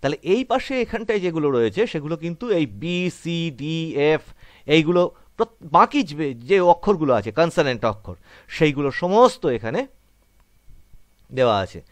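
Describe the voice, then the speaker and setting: A man's voice: fairly high pitch, very animated, brisk, no echo. A man whose first language is Bengali, teaching English in an online class and explaining step by step. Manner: explains step by step, checks in with "right?".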